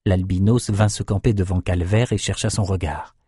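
Low-voiced male fantasy narrator. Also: steady tone, normal speed, mellow, slightly rough, no room sound, studio quality. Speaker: audiobook narrator.

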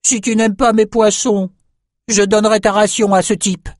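A man voicing a naive, childlike albino shaman slaver in an audiobook, in a high, slow, puzzled voice. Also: flat delivery, no room sound, studio quality, close to an everyday voice. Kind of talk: audiobook character voice.

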